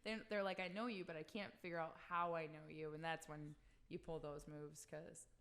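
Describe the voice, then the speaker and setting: A woman's voice: low-pitched, level tone, brisk, fairly bright tone. A young woman, a radio personality from the Rochester area, chatting casually and laughing often as a podcast guest. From Rochester area, USA.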